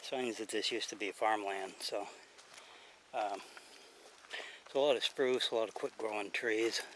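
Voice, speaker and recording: A man with an American accent, vlogging outdoors in the woods in a halting, casual way, out of breath after a long bike ride. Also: fairly low pitch, a bit bright, a little hiss or hum, poor audio. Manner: halting, with many fillers. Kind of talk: casual outdoor vlog talk.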